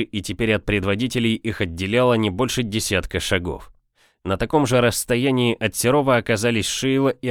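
Low-voiced male audiobook narrator. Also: no echo, studio quality. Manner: steady, measured storytelling.

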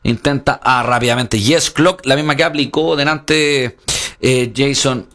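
A Chilean man giving excited live play-by-play wrestling commentary, repeating his calls for emphasis. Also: mid-range voice, unhurried.

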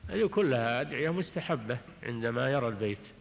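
A man teaching a religious text in a measured way, often repeating and restarting his phrases and clearing his throat. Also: medium pitch, lively intonation. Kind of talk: recorded lecture explaining jurisprudence. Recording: long hall reverb on an old tape.

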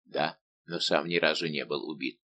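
A man voicing a big, good-natured, simple-minded old musketeer baron, talking slow and booming. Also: bright, forceful tone, no echo. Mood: hearty.

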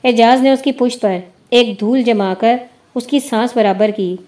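A woman narrating a novel in a steady reading voice. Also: fairly high pitch. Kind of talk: storybook narration.

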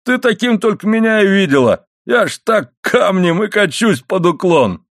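A man doing a loud grumbling old-style coal miner. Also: high voice, sing-song, normal speed, dry recording, clean studio sound, pitched above the performer's own voice, heavily acted. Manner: loud, complaining, exclaiming in a raised voice. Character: grumbling middle-aged male coal miner, childish and touchy.

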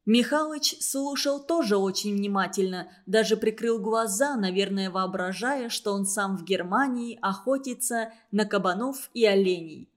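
Woman reading a story, measured and expressive. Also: medium pitch. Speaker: narrator. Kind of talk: storybook narration.

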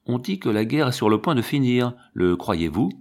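A man's voice: mid-range voice, sing-song, moderate pace. A man voicing a cheerful, eager young woman of twenty who presses with insistent questions.

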